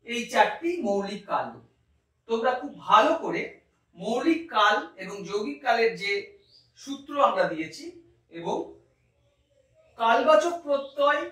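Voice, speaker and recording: A man with a very high voice teaches a grammar lesson step by step, slowly drawing out words to show how they sound. He stands well away from the microphone in a strongly echoing room. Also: bright, forceful tone. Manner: methodical, drawing out words slowly to model pronunciation. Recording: very echoey room, mic far off.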